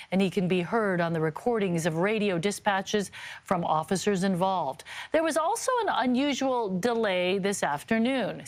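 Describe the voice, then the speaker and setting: A woman with a Canadian accent presenting scripted television news as an anchor. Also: mid-range voice.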